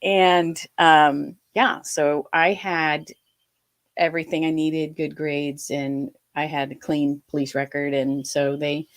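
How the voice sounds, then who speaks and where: A woman in her fifties from Ohio, USA, is a guest telling her life story in an interview. She speaks in a low voice at a slow pace, yet is animated and full of quoted asides.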